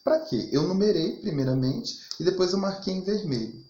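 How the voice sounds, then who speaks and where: Lively teacher in an echoey room. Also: male voice, high voice, normal speed. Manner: explanatory, rhetorical questions, emphatic. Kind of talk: recorded literature lesson over slides.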